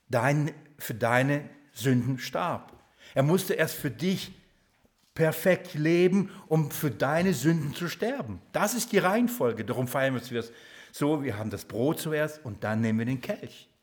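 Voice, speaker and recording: Ein Mann, der vor einer Gemeinde predigt, lebhaft und mit Fragen an die Zuhörer, wird für Betonungen oft leise. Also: male voice, on the high side. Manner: lively preaching, drops to quiet emphatic lines, asks the congregation questions. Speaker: preacher. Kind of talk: sermon.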